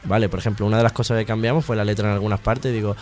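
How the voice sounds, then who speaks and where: A man's voice: lowish voice, steady tone, very fast, a little mellow. Guy in a band, laid-back, talking on the radio in a studio. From Málaga, Spain. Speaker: band member guest. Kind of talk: casual radio interview.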